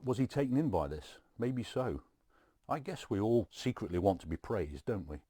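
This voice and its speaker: A man who is a former detective giving calm expert commentary, advising and asking rhetorical questions. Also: fairly low pitch, normal speed, breathy edge, no echo, clean studio sound.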